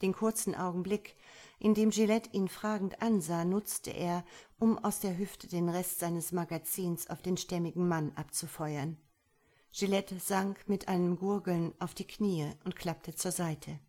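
Low-voiced woman narrating a story. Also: fairly even intonation, unhurried, dark tone. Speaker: audiobook narrator. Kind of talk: scripted narration.

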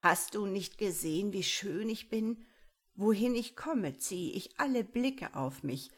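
A woman voicing a vain, cunning male quetzal bird in a storybook reading, shrill and theatrical. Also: expressive, measured pace, husky. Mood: wheedling. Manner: shrill and theatrical, scolding then wheedling.

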